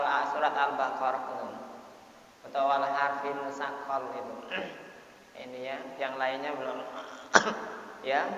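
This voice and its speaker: A man teaching a Quran recitation lesson who chants the Arabic words and often clears his throat. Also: fairly high pitch, fairly bright tone, slight background noise. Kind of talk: tajwid lesson. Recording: dull, echoey hall sound.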